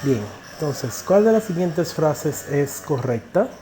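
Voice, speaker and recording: Man, English teacher, recorded online lesson, slow delivery, soft dark tone, careful example sentences. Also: a little high, animated, faint music behind. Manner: asks the viewer questions and pauses for answers.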